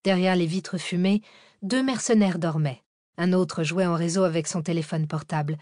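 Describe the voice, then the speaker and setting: A woman narrating a thriller audiobook in a steady, measured reading. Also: on the low side, no echo, clean studio sound.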